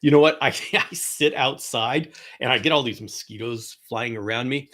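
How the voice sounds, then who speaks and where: A man's voice: medium pitch, moderate pace, fairly bright tone. A man hosting a live stream, chatting casually with viewers, rambling with fillers, laughing and apologizing often. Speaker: host of a live chameleon show.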